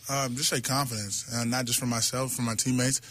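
A young man, a college basketball player, answering interview questions quickly and upbeat in a radio studio. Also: medium pitch, steady tone, a bit bright. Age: young adult.

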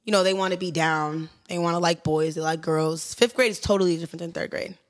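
A woman's voice: lowish voice, fairly even intonation, quick pace. A woman, a teacher telling stories casually and frankly as a guest, often acting out quotes. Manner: frank, playful, quotes people in dialogue. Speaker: interview guest, schoolteacher. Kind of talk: casual conversational storytelling.

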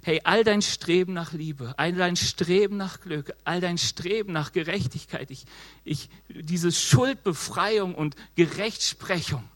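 A man preaching a casual, lively sermon, acting out excuses in quick quoted voices. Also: sits high. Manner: moves around while preaching.

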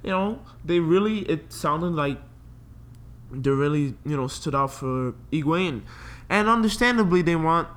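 A man with a slightly high-pitched voice co-hosts a casual sports podcast. He speaks informally and loosely, working through his opinions with plenty of conversational filler. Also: expressive, a little slow, a bit bright. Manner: informal, loose phrasing peppered with "like" and "you know". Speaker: podcast co-host.

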